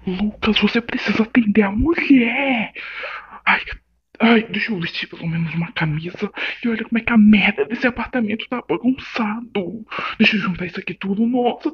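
A flustered, hot-headed young guy, voiced by a man in an amateur voice drama. He curses loudly, then quickly turns polite. The audio is a little muffled and lo-fi. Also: high-pitched, slightly rough, heavily acted. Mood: panicked.

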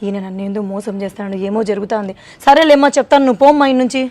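A woman's voice: mid-range voice, dark tone. A woman acting as a suspicious, scolding wife in a comic sketch. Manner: fast, scolding, quick-tempered. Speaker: suspicious wife in a comedy skit.

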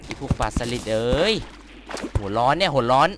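A young man giving chatty, excitable let's-play commentary, swearing and exclaiming at the game as he plays. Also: medium pitch, normal speed, very noisy. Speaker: gameplay commentator. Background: game music.

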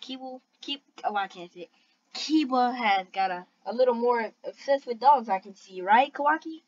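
A woman's voice: fairly high pitch, normal speed. A woman hosting a reaction video with casual commentary. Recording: dull lo-fi audio with background noise.

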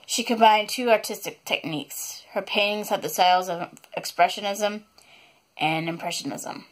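A woman's voice: medium pitch, normal speed. A woman reading a chapter of her own novel aloud, unedited, stopping now and then to apologize for slips and add asides.

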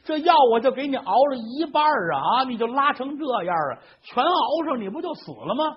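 A man doing a shrill frantic old woman. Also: big pitch swings, fairly quick, full character voice. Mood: tearful. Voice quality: husky. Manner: high-pitched panicky wailing. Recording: dull lo-fi recording.

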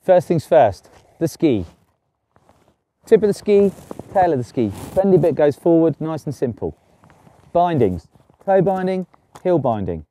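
A middle-aged man works as an instructor, presenting outdoors to camera. His voice sits a little high for a man, with a soft, relaxed tone. He explains each step in short, plain-spoken phrases. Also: a little slow, pauses often. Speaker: ski instructor. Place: outdoors on a snowy mountain slope.

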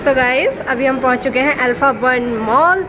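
A family vlogger walks through a busy city and a shopping mall, chatting casually to her phone camera, teasing and addressing viewers in a high-pitched voice at normal speed. Loud crowd and traffic noise fills the recording.

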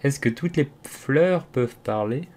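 A man's voice: mid-range voice, expressive, a little slow, darkish tone, voice pushed up, natural voice. Curious little girl, polite, eager questions, raised voice, storybook reading, as a man puts her on.

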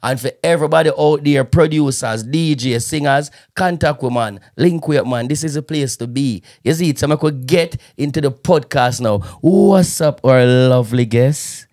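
Jamaican male podcast host, playful and lively, casual chat. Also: mid-range voice, normal speed, hardly any pauses.

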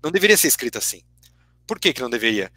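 A man's voice: medium pitch, very animated, rapid-fire, bright, forceful tone, no room sound. A man with a Brazilian Portuguese accent, a guest lecturer giving a teacherly explanation, tagging his sentences with constant "né" questions. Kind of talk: explanatory academic talk.

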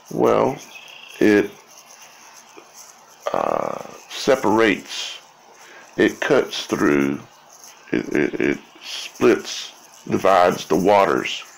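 A video creator gives an informal explanation in a halting monologue, repeating words and frequently checking in with "okay?" or "right?". His voice is low and creaky, and the recording is rough.

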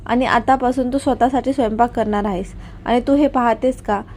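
Woman doing a bossy rich young husband, cold and scornful, storybook, a bit high, slight hiss behind. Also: fairly even intonation, fairly quick, darkish tone, close to an everyday voice. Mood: harsh. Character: arrogant domineering rich young husband, male.

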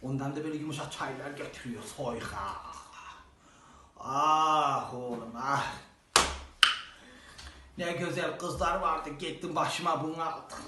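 A performer playing a grumbling old village mother-in-law in a comic sketch, low and drawling. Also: unhurried, long pauses, far from the mic, background noise, close to an everyday voice. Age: older. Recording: roomy echo.

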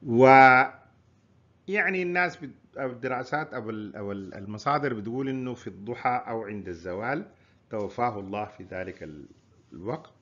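A man's voice: mid-range voice, brisk, fairly bright tone, lo-fi sound. A man with a Sudanese Arabic accent giving an informal history lecture, explaining and repeating his points in a conversational way.

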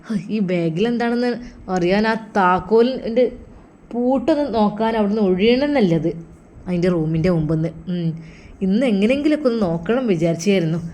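A woman's voice: medium pitch, animated, fairly quick, dark tone, lightly acted. A scheming young daughter-in-law, voiced by a woman storyteller mutters her worries and plans to herself. She has a Malappuram Malayalam accent. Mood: anxious.

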